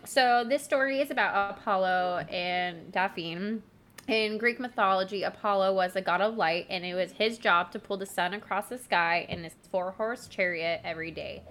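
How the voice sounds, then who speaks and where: A woman's voice: mid-range voice, fairly bright tone. A woman co-hosting a podcast, casually retelling a myth in a chatty way with frequent giggles. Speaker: podcast co-host. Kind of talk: casual storytelling chat.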